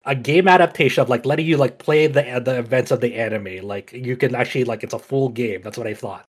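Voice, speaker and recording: A man's voice: medium pitch, a little fast, breathy edge. A man co-hosting a casual video game chat, blunt and swearing often, with lots of fillers. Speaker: podcast co-host reviewing games.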